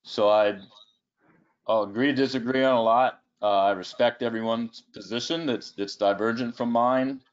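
A man making firm, formal remarks as a commissioner in a meeting, in a measured way. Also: medium pitch, steady tone. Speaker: city commissioner. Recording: dull video-call audio.

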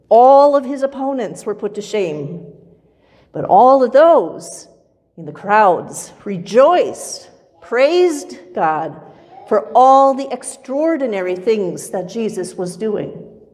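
Woman pastor preaching slow, rhythmic repeats, echoey church sanctuary. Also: fairly high pitch, very animated, darkish tone. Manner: measured, rhythmic preaching with repetition. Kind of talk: sermon. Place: church sanctuary with pipe organ, far camera. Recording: long church reverb.

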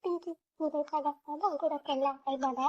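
A caring older sister, as a woman acts her out, talks quickly in a high voice and soothes the little ones like a mother would. The recording sounds dull and lo-fi, like a homemade doll story play. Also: steady tone, close to an everyday voice. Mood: curious. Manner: reassuring, motherly. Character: protective older sister figure, Madhu.

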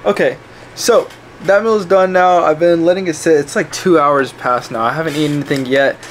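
A man's voice: on the high side, fairly even intonation, brisk, slight background noise. A young adult man chatting casually to camera like a gym bro, with slangy, sweary talk, as a fitness vlogger. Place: small indoor rooms at home, bedroom and kitchen.

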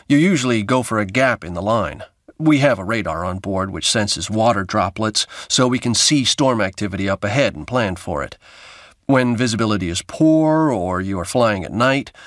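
A man with a slightly low voice explains things as a pilot being interviewed. His answers are measured and clear in structure, recorded dry without room sound. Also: a bit bright, dry recording.

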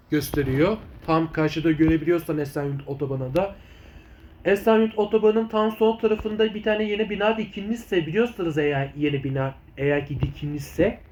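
A man giving informal vlog commentary on his videos in a rambling, repetitive, halting way. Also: fairly high pitch, a little mellow, a little hiss or hum. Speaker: video channel host.

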